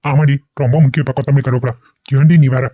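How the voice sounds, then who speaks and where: A man's voice: medium pitch, steady tone, fast, no echo, phone-quality sound, close to an everyday voice. A man doing a grumbling worried father. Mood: worried, scolding. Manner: scolding, grumbles at his wife. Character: worried middle-aged father, grumbling and impatient. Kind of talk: cartoon voice acting.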